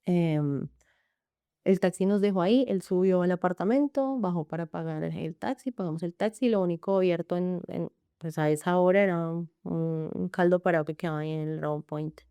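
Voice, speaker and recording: A woman's voice: lowish voice, normal speed, warm tone, clean tone, no room sound, studio quality. A woman with a Colombian accent earnestly recounting her own story in an interview, speaking in long run-on sentences and often quoting what others said. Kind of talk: emotional personal testimony in an interview.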